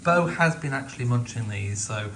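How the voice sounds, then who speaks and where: A man's voice: mid-range voice, expressive, moderate pace, noisy background. Chatty English man vlogging. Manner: chatty, self-deprecating, rambling. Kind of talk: casual chat.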